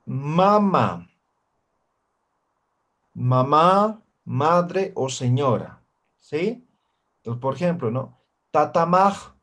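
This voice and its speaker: A man teaching a language class over a video call, slowly repeating words and checking in with his students. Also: a little high. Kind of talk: online class teaching vocabulary.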